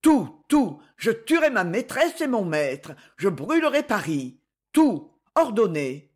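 Reader doing a frenzied brute, roaring and gasping, husky, voice swinging wildly. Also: male voice, sits high, big pitch swings, slow, exaggerated voice. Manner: roaring, gasping, broken cries. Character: frenzied, brutish giant male servant. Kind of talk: audiobook character reading.

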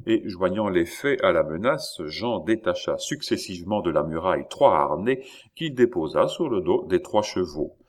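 Expressive male narrator, low voice. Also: normal speed. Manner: dramatic, varied phrasing. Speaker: audiobook narrator. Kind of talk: expressive literary reading.

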